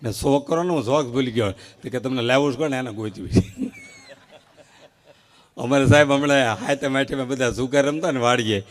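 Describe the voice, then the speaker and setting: A male stand-up comedian at a folk stage show tells jokes with animation at a mid pitch and a fairly quick pace. Performing live on an outdoor stage before an audience, he tells comic stories and acts out short quoted exchanges.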